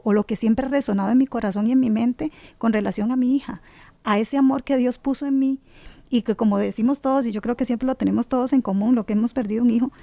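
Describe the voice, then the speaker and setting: A woman's voice: on the high side, creaky, dark tone, no room sound. A middle-aged woman gives an earnest, devout personal testimony, with restarts and tag questions. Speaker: guest sharing a grief story.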